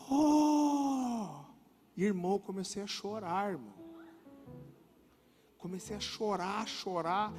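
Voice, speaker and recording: A high-pitched man preaching a sermon in a church hall with a long reverb trailing his words. He tells stories animatedly and with humor, and his voice can also drop soft and hushed. Faint music runs behind him. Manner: animated, joking storyteller, often calls the audience brother; turns soft and hushed near the end. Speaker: pastor.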